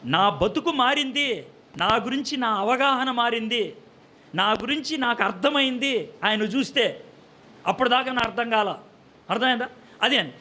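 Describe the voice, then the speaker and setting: A man's voice: extremely high pitch, sharp tone, slight background noise. A man preaching a sermon in speech, often putting questions to the audience and answering them himself. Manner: acts out short voices for a story with humor.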